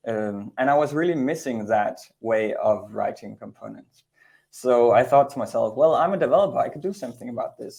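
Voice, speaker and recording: A man's voice: medium pitch, creaky, darkish tone. A man in his thirties from Denmark giving an informal technical lightning talk in a conversational, slightly hesitant way over a video call. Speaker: conference speaker, Go developer. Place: indoor room, video call.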